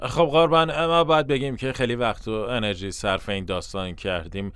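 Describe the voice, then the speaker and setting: An actor dubbing an earnest young physicist who pleads with a friend in a persuasive way. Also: male voice, medium pitch, steady tone, fairly bright tone, slight background noise, close to an everyday voice. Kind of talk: Persian dub of a sitcom.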